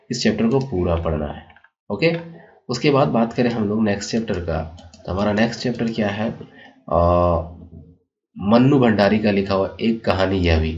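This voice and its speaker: A male teacher walking students through a school syllabus, repeating checks like "okay" as he explains. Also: fairly low pitch. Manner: repeats "ठीक है" and addresses children warmly, explanatory. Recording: dull lo-fi sound.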